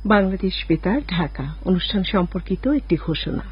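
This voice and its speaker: Husky woman on a fading lo-fi radio broadcast. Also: lowish voice, animated. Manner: measured formal reading. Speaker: radio announcer. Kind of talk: formal broadcast announcement.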